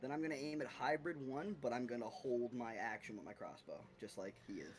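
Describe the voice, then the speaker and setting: A man's voice: medium pitch, fairly quick, soft background music. Rambling male tabletop player. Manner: rambling, thinking aloud. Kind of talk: casual chat during a tabletop game.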